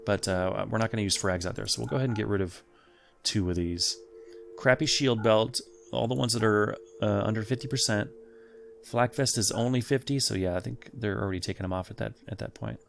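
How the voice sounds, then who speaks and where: A man's voice: on the low side, fairly even intonation, a little fast, vocal fry. A man hosting a let's play, thinking aloud and chatting casually to the game's characters as he plays. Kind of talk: casual gameplay commentary. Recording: faint game music behind.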